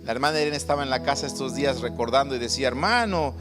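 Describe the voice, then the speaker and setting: A man preaching a sermon as pastor, stressing and slowly stretching key words. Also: mid-range voice, steady tone, big-room sound, over music.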